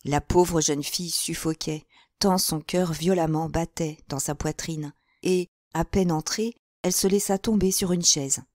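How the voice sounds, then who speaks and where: Woman audiobook narrator, lowish voice, dry close sound, measured. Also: steady tone, a little mellow, no room sound. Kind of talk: scripted narration of a classic novel.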